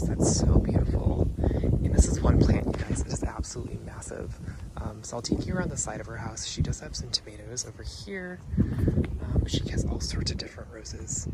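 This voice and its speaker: Touring a client's garden in a casual vlog, this man speaks at a medium pitch with vocal fry. He's enthusiastic about the plants and says um a lot, and the outdoor audio carries heavy wind and traffic noise.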